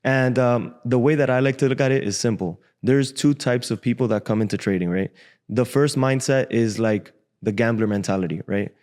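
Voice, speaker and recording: A man in his twenties, born in Cuba and raised in Miami, speaking as a guest in a casual, frank interview in a podcast studio on a boom mic. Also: moderate pace. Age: 20s. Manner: relaxed, frank, casual slang. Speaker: guest trader. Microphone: desk boom mic.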